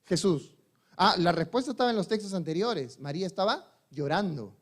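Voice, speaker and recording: High-voiced man preaching a sermon. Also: animated. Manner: asks the congregation questions and answers them himself; shifts between soft, slow passages and loud emphatic ones. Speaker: pastor.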